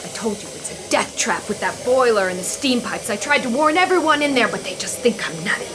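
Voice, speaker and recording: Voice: medium pitch, lively intonation, a little fast, natural voice. An actor playing a fussy, worried army sergeant with a folksy, complaining way of talking in an audio drama. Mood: grumbling, anxious. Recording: clear hissing noise behind.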